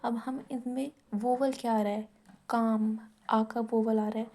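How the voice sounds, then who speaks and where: A woman's voice: fairly high pitch, little pitch movement, a little slow, dark tone. A woman teaching shorthand in a casual step-by-step lesson, asking and answering her own questions as she writes.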